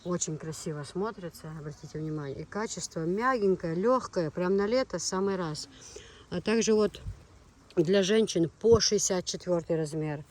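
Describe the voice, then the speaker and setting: A woman's voice: fairly low pitch, normal speed, darkish tone. A chatty woman vlogger talking casually as she shops and shows goods, often repeating herself. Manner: chatty, repetitive. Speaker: shopping vlogger. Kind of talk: casual shopping chat and showcase. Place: market shops. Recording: faint shop background noise. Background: faint ambient noise.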